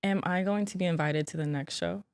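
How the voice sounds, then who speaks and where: A woman's voice: lowish voice, brisk, a little mellow. A woman hosting a casual podcast chat, playful and teasing with her guest. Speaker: podcast host.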